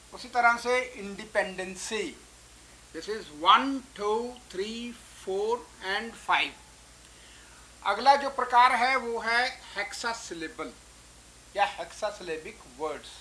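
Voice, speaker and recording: Slow, deliberate woman teaching. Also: on the high side, pushed and bright. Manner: slow, deliberate, spells out and counts syllables aloud. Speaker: English teacher. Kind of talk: explanatory lesson.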